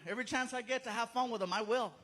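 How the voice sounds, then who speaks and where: High, bright-voiced male stand-up comic. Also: rapid-fire, slight background noise. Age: 30s. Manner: animated storytelling, slips into character voices and bits of Spanish. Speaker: stand-up comedian. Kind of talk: stand-up comedy set. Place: theater stage with a laughing audience.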